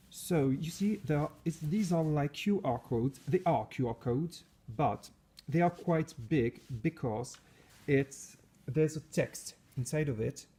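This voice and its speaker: Speaking to camera in his school lab, this French science teacher has a mid-range voice that is creaky, husky, and dark. The vlog talk is casual, with frequent pauses to find English words and self-corrections.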